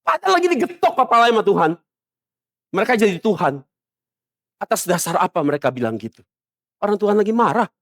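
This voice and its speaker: A man preaching a sermon as pastor, emphatic and swinging between loud stresses and low murmurs. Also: big pitch swings, quick pace, long pauses. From Indonesia. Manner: mocks other preachers in a soft mimicking voice. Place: church.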